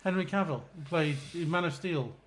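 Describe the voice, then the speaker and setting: A man with an English accent hosts a casual podcast. His voice sits a little high. He fires off light quiz questions and keeps breaking into laughter. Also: slight background noise. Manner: jokey, laughs often, asks quick-fire questions. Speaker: podcast co-host. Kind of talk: casual chat.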